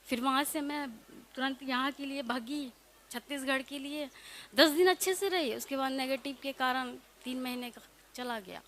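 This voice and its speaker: A young woman from Bihar telling her personal story in a halting, hesitant way, full of fillers and restarts. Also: high-pitched, fairly bright tone, a little hiss or hum. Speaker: devotee sharing testimony. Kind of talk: emotional personal testimony.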